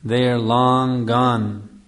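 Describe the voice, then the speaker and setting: A man's slightly bright, mid-range voice stays level as he draws out his words. As a spiritual teacher, he gives a didactic Hare Krishna style discourse on scripture, repeating phrases for emphasis and checking in with his listeners.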